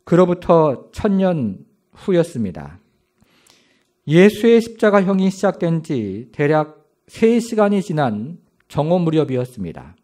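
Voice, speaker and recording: A man's voice: on the high side, big pitch swings, unhurried, darkish tone. A man pastor delivering a sermon, telling the story dramatically and asking the congregation questions.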